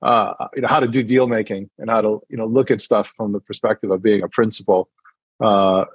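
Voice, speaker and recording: This interview guest, a middle-aged man from New Hampshire, is casual and hesitant, using many fillers and restarting often, in a partly British-sounding American accent. His fairly quick, low-leaning voice is steady in tone and slightly rough. The audio has no room sound, and the highs are cut off.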